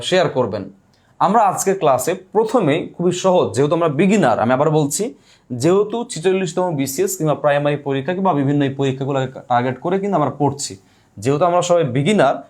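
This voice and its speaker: A male grammar teacher giving an online exam-prep lesson, who repeats key points and keeps asking his listeners quick check questions. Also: on the high side.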